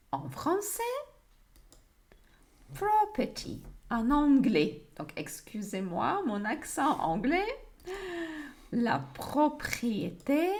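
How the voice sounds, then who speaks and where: A woman with a French accent teaches vocabulary on a livestream, slow and deliberate, often repeating words so learners can follow. Her fairly high voice rises and falls a lot as she talks. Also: a little mellow.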